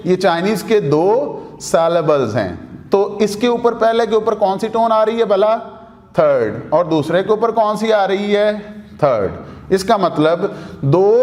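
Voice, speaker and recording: Male teacher, high voice, unhurried repetitive explaining, reverberant room. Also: darkish tone. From Pakistan. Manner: slow, repetitive explaining with questions to students. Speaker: Chinese language teacher. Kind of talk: explaining lesson at a whiteboard. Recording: long reverb in a hall-like room.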